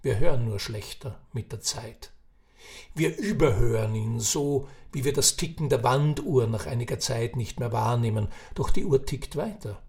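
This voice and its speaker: A male author reads his own reflective prose. He muses and turns straight to the listener, and his voice carries a strong creaky fry at a middle pitch. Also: moderate pace, darkish tone. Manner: musing, addresses the listener directly. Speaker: narrator and author. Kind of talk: reflective audiobook narration.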